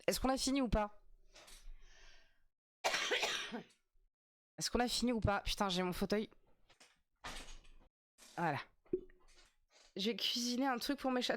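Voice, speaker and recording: A woman livestreams her reactions to a game show in casual chat, joking with viewers, laughing often and swearing frequently. Her voice is fairly high-pitched and fairly bright.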